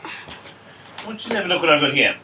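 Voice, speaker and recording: A man's voice: fairly high pitch, lively intonation, brisk, pushed and bright, recorded from a distance, a little hiss or hum, poor audio. A male teacher, telling a playful story in a maths lesson and feigning confusion to draw out his pupils. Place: classroom.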